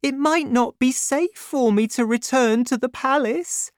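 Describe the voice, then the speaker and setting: A woman voicing a frightened young woman who pleads in a high, strained voice. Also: unhurried, no room sound, clean studio sound. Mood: anxious.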